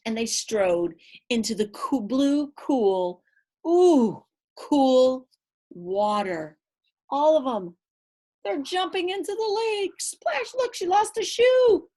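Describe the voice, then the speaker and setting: On the high side and darkish in tone, this woman's voice has lively intonation as she reads a picture book to children. It's an animated read-aloud, playful and rhythmic with drawn-out words, sprinkled with asides to the little ones.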